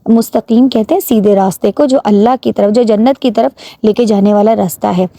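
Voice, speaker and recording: A woman with a Pakistani Urdu accent, teaching prayer recitation, drawing out each word slowly and translating it, patiently pointing out common mistakes. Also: mid-range voice, warm tone, dry recording. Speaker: religious teacher.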